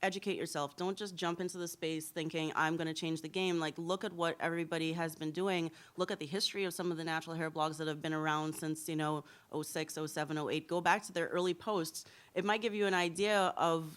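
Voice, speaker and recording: A woman in her thirties from Trinidad and Tobago, a hair blogger answering interview questions in a candid storytelling way at a symposium. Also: lowish voice.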